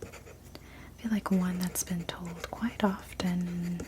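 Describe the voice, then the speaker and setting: A woman's voice: lowish voice, steady tone, slow pace. Whispering woman, sleepy librarian role-play. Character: sleepy, gentle female librarian. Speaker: ASMR performer playing a librarian. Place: small indoor room at a desk.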